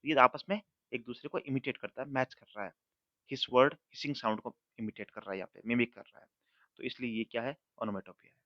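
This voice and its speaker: A male college lecturer with an Indian accent explains literature in Hindi, drawing out example sentences slowly and voicing the sounds himself. His voice sits at an ordinary pitch. The recording is dry and somewhat dull. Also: dry recording. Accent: Indian English. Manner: slow, emphatic reading of example lines, imitating sounds aloud. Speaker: assistant professor of English.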